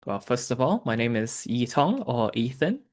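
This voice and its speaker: A man's voice: medium pitch, very animated, normal speed. A man from Malaysia, a therapist, telling his story in a candid interview with an easygoing manner. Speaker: therapist sharing his experience.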